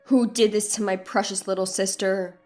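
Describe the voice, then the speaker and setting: A woman voicing a protective young man, an older brother who speaks with low, steady, hushed concern. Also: moderate pace, faint music behind, lightly acted.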